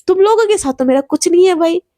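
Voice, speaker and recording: A woman's voice: very high-pitched, lively intonation, fast talker, mellow, dry recording, pitched above the performer's own voice. A woman voicing a fierce, defiant young college woman who talks bluntly and threatens anyone who crosses her. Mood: threatening.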